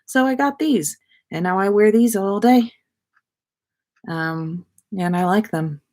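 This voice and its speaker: A podcast host with a medium-pitched, darkish voice speaks slowly during a casual livestream. She reads comments from viewers and chats with them in a relaxed, slangy way that's mildly sweary.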